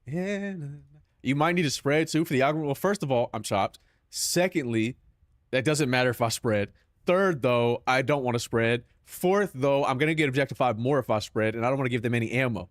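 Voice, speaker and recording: A young man with a Southern Californian accent riffs loosely with his stream chat, swearing freely and dropping "bro" every few lines. He talks fairly quickly at an ordinary pitch, and the sound is dry with no room echo.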